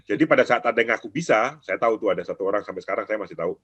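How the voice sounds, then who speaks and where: A man hosting a casual chat about trading, animated, often acting out other traders' quoted words in raised voices. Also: fairly low pitch, rapid-fire, slightly rough, dry recording, lo-fi sound. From Indonesia. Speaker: trading show host.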